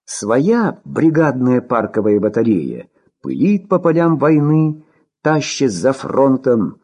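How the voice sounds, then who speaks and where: A man narrating a war story with a husky, breathy voice and a dark, mellow tone. His pitch rises and falls in a lively way as he reads. The delivery is expressive and story-driven. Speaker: audiobook narrator. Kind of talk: scripted narration of war prose.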